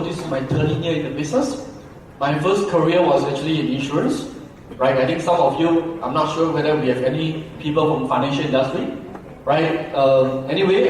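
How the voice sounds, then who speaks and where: A man in his forties from Malaysia gives a talk in a big hall, with a slightly high voice. He keeps asking the crowd "right?". The sound is distant and echoey with a long reverb tail. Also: fairly quick, a little hiss or hum. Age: 40s. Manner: conversational, asks the audience questions and keeps adding "right?". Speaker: business speaker. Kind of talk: motivational seminar talk.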